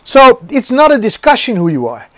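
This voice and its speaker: A man's voice: very high voice, wildly swooping pitch, moderate pace, sharp tone, no room sound, studio quality. A middle-aged actor and stuntman giving an earnest motivational talk to viewers, often repeating words as he searches for them.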